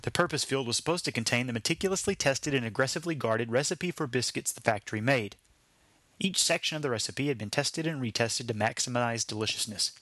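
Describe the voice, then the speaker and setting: A man reads his own short story aloud with a wry, deadpan delivery. His voice sits at a middle pitch, and the recording is dry and close. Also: fairly quick, no echo. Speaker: narrator.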